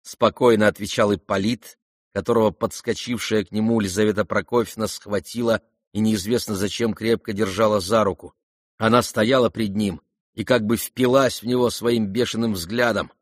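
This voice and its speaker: A man narrating a classic novel in a measured, even storytelling manner. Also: on the low side, dry recording, studio quality. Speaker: audiobook narrator. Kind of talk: scripted literary narration.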